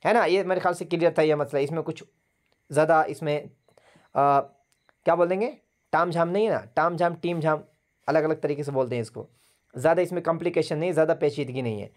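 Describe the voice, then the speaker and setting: A man's voice: fairly high pitch, brisk. A man teaching an online English grammar class over a video call, patiently repeating words and spelling them out letter by letter.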